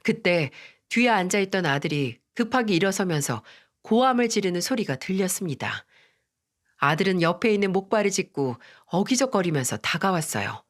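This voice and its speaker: Brief: woman telling a first-person family drama story, even and steady. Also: fairly low pitch, moderate pace. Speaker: story narrator.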